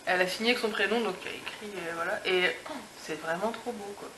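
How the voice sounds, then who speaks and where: A woman's voice: mid-range voice, fast. Young woman, casual unboxing chat, gushing, echoey room, noisy background. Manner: gushing, full of fillers and restarts. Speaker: beauty and lifestyle vlogger.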